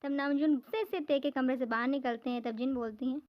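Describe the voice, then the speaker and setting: A woman's voice: high-pitched, fairly even intonation, fairly quick. A woman narrating a fan dub story in a plain, explanatory way. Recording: dull lo-fi home recording.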